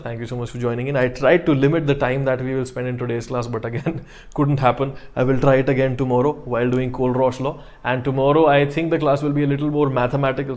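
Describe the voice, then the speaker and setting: A man's voice: mid-range voice, darkish tone. A man with a North Indian accent giving a live lecture as an online teacher, explaining step by step and repeating key phrases with Hindi check-in tags.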